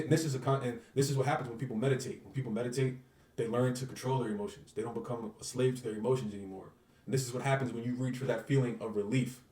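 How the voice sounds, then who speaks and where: A manifestation coach appears as a guest in a casual interview, speaking with a medium-pitched, slightly mellow voice from a distance. Earnest and repetitive, he circles back over his points, uses filler phrases, and checks in with the listener. Sitting back from the mic, he sounds echoey in the room.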